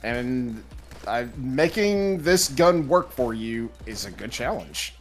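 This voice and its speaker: A man's voice: mid-range voice, very animated, slow, soft background music. A man co-hosting a game stream, playful and teasing, jumping into silly voices. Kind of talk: casual gameplay chat.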